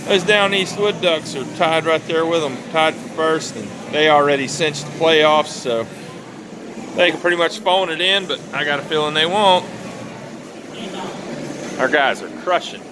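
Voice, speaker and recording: A man's voice: a little high, measured pace, noisy background. A man giving casual running commentary as a vlogger, recorded outdoors at a busy ballpark. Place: outdoors at a busy baseball stadium. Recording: outdoor ballpark, loud crowd and music. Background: loud crowd and music.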